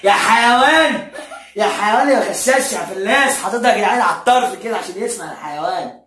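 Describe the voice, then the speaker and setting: Teen video creator, Egyptian accent, too-loud headphones-on banter, roomy sound with music behind. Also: medium pitch, fast. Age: teenager, about 15 or 16. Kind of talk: casual challenge game banter.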